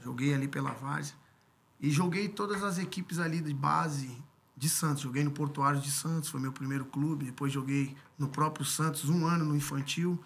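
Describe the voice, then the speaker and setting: A gravelly Brazilian man in his fifties recounts his playing days in an unhurried, chatty way. His voice sits a little high for a man, and he talks close to a studio mic. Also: slight background noise. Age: 50s. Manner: relaxed storytelling with many tag questions. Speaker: guest, former footballer and coach. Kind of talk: casual interview. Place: podcast studio. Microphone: studio mic on stand.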